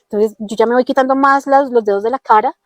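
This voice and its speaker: A woman's voice: on the high side, fast talker, no echo. A woman with a Colombian accent giving an earnest personal testimony, often acting out the dialogue she quotes. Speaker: interviewee telling her testimony.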